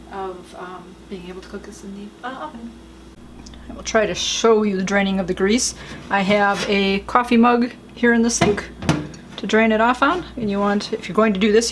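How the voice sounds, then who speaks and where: A woman's voice: medium pitch, slight background noise. A middle-aged woman walks through a home cooking demonstration in a chatty, rambling way, with fillers and small laughs. She is recorded by a camera mic set some distance off. Her kitchen sounds roomy and echoey. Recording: roomy kitchen, voice a bit far off.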